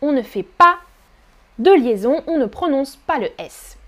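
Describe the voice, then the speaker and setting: A woman teaching a live online French pronunciation lesson, her voice high and light. She speaks slowly, says key words over and over for her learners, and cheers them on as she reads their chat comments. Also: animated, a bit bright. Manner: slow, carefully articulated, repeating words for learners.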